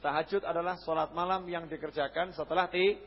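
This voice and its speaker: Male preacher, high-pitched, playful lecture; lo-fi reverberant hall. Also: steady tone, fairly quick. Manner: jokey, swings from loud exhortation to low asides. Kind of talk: lively religious lecture. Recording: dull lo-fi hall recording.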